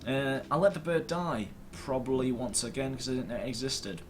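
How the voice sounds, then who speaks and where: The background is noisy while this man, host of a gaming video series, chats to camera from indoors at his computer. He speaks at normal speed in a mid-range voice, casual and rambling, self-deprecating and lightly sweary.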